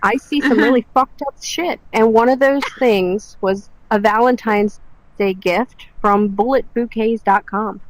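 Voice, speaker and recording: A woman's voice: on the high side, unhurried, rough recording. A woman doing a stand-up comedy set, giggly and self-deprecating, swearing often. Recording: comedy club with loud crowd.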